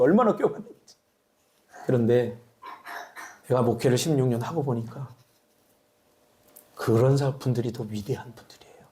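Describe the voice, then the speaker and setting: A middle-aged man preaching from the pulpit with a high, lively voice that climbs and drops sharply. He moves between urgent calls to his listeners and quiet, confiding asides, sounding like a pastor in full flow. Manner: animated preaching, swinging between loud exhortation and hushed asides. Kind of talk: sermon.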